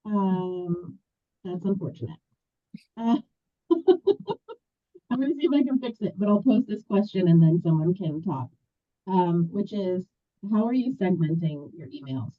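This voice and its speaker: A woman's voice: lowish voice, measured pace, long pauses. A woman moderating a video call, chatty with many fillers, her mic muffled so she sounds inside a fishbowl. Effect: muffled mic, like talking inside a fishbowl. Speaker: meeting moderator. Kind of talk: casual video-call discussion. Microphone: laptop or headset on a video call.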